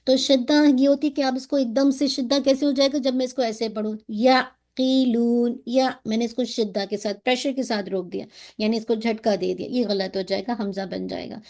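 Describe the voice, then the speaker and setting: Woman teaching tajweed over a video call, kinda high but mellow, patient, says every sound slow. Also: steady tone. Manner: explains patiently, models recitation slowly. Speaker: Quran recitation teacher. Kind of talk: online tajweed class.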